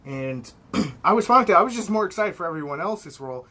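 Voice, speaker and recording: Blunt, excitable young New York man. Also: sits high, a little fast. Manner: excitable, blunt, swears freely. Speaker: movie reviewer. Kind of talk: casual spoken film review.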